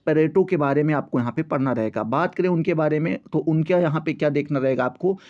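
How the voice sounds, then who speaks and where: A man's voice: a little high, a little mellow. Guy teacher going thru a syllabus, trips over english words a lot, kinda dull lo-fi audio. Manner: halting, restarts on English terms; repeats stock phrases. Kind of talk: syllabus walkthrough lesson.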